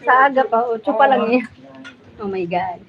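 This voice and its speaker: A woman's voice: on the high side, normal speed, lo-fi sound, over a noisy crowd. A woman vlogger, chatting casually on a livestream and greeting her viewers between family talk. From Bicol region, Philippines. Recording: loud background noise.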